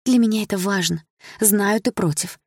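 A woman voicing a worried mother who talks softly and pleads patiently with her daughter. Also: medium pitch, normal speed, slightly rough, no echo, studio quality, pitched above the performer's own voice. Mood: soft pleading. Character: worried mother, gentle and defensive.

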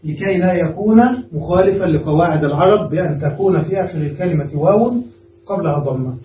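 A man's voice: fairly high pitch, fairly quick. A man giving a classroom grammar lesson, explaining step by step and often checking whether the class understood. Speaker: grammar teacher. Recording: roomy, distant, dull lo-fi room recording with faint noise.

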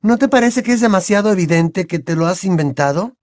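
A man's voice: high-pitched, expressive, a little fast, a little mellow, dry recording, clean studio sound, pitched above the performer's own voice. A man voicing an earnest, bossy teenage schoolgirl witch in an audiobook, insistent and precise. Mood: earnest, indignant. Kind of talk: audiobook character voice.

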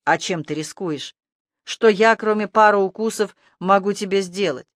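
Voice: medium pitch, moderate pace, no room sound, clean studio sound, lightly acted. An audiobook narrator voicing a sarcastic, scruffy male talking rat with a mocking, needling manner. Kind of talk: audiobook character voice.

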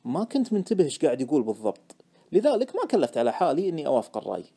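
A male narrator reads an audiobook in the first person, his voice dark and mellow yet a little high and gravelly. The scripted delivery is quick, animated, and expressive, rising and falling freely.

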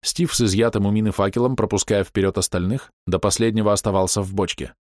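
A man narrating a fantasy audiobook in a steady, even storytelling manner, close to the mic. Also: on the low side, fast, no echo.

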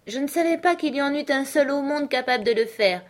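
A woman's voice: high-pitched, expressive, fairly quick, pitched above the performer's own voice. A woman voicing a polite, timid young girl in a storybook reading, earnest and a little anxious.

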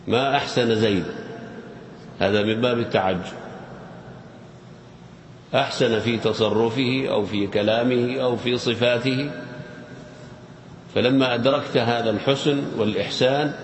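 A man teaching a grammar lesson, quizzing his audience in a playful, teasing way. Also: medium pitch. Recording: echoey hall with faint noise.

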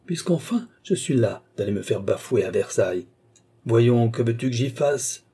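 A man's voice: mid-range voice, animated, normal speed, warm tone, husky. A man voicing an old, vain French duke who banters and dodges, his retorts rising in exasperation. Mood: exasperated. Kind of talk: audiobook character reading.

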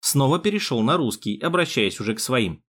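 A man narrating an audiobook chapter in first person with an expressive reading. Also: medium pitch, brisk, breathy edge. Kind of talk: scripted narration.

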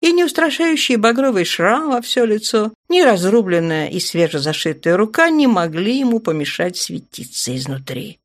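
A woman reading a novel aloud as audiobook narrator, in an even, measured way. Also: mid-range voice.

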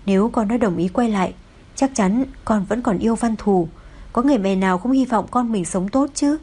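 A woman voicing a gentle but stern older mother-in-law who speaks softly and scolds dryly. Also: mid-range voice, a little fast, husky, lightly acted. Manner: soft-spoken, scolds dryly.

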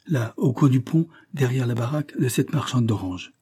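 A man's voice: mid-range voice, animated, normal speed, dark tone, husky, no echo, clean studio sound. Man voicing an anxious young cashier. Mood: agitated.

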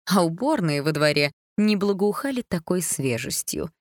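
A woman voicing a jealous, cruel queen who shouts and mocks in an audiobook. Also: animated, normal speed, no room sound, clean studio sound, close to an everyday voice. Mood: sarcastic. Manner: shrill shouting and biting sarcasm.

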